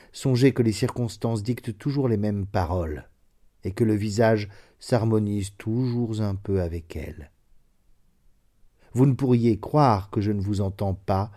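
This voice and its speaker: A man reading the part of a young deaf woman, bitter and despairing, in a soft, sorrowful, measured voice for an audiobook of classic fiction. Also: lowish voice, lightly acted.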